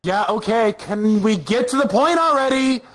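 A man playing a bored, bratty little boy in an improvised comedy skit, with loud noise behind. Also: high-pitched, normal speed, voice pushed down. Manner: bratty, shrieking when excited.

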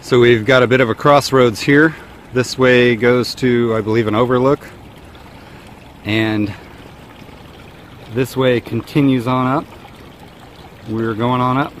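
A man's voice: mid-range voice, unhurried, long pauses. A man in his thirties narrating a family hiking vlog outdoors on a forest trail, filming himself with a handheld camera. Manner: relaxed, chatty, observational. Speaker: family vlogger. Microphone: handheld camera at arm's length. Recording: outdoor noise behind.

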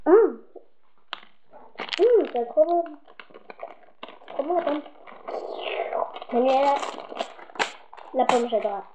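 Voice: high voice, big pitch swings, very slow, pauses often, warm tone. A vlogger in a casual tasting video, talking while chewing with a full mouth. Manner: chatty, savoring each taste. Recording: tinny phone-like audio with background noise.

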